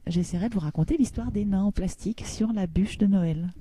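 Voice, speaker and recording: A woman's voice: mid-range voice, fairly quick, dark tone, breathy edge. A woman co-hosting a comic talk show, explaining a bit of history in a chatty way, often correcting herself. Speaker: co-host presenting a history segment. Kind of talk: chatty storytelling.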